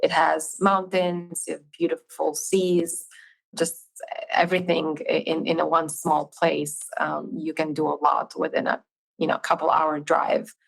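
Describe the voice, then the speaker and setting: A woman with a fairly low voice and a gravelly edge is a guest on an interview podcast. She states her opinions directly and with emphasis. She is speaking over a video call. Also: level tone, a little slow, poor audio. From Albania. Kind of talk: casual interview chat.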